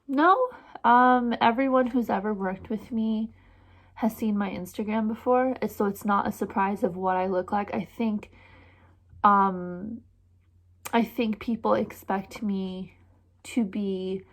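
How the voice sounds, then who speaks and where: A woman's voice: mid-range voice, slow. A woman in her twenties with a mixed Trinidadian and New Jersey accent, answering viewer questions in a casual, self-deprecating vlog. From born in Trinidad and Tobago, raised in New Jersey. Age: 20s. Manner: self-deprecating and giggly, with filler-heavy rambling. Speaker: vlogger and photographer.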